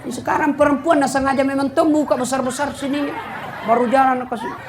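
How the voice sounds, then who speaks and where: Lively Bugis-accented male preacher. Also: crowd noise, noisy background. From South Sulawesi. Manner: lively storytelling with big jumps up in pitch and drawn-out chanted prayers. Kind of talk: humorous sermon to a congregation. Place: live gathering before an audience.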